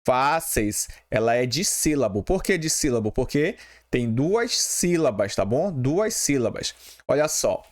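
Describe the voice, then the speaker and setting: Brazilian man teaching exam grammar, fairly high voice. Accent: Brazilian Portuguese. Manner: patient, repeats key terms, checks in with "tá bom?". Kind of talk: explaining grammar questions.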